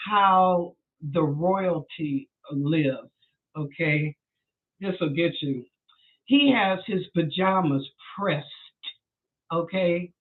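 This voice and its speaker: A woman psychic reader who hosts a live stream, chatting casually and sassily with her viewers and calling them y'all. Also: mid-range voice. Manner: chatty and sassy, addresses the audience as y'all. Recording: tinny phone-like sound.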